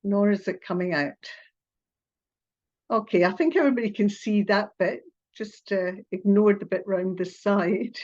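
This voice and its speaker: Over muffled video-call audio, an older woman from Scotland gives a therapy webinar in a Scottish accent partly tinged with Australian. Her mid-range voice keeps a normal pace, but she sounds hesitant and apologetic, with plenty of fillers and small laughs.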